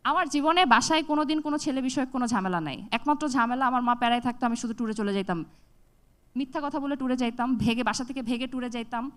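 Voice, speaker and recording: A young woman from Bangladesh giving a talk on stage, telling a personal story with lively acted-out dialogue. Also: a little high, quick pace. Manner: animated, acts out dialogue with shifts in voice. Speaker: TEDx speaker.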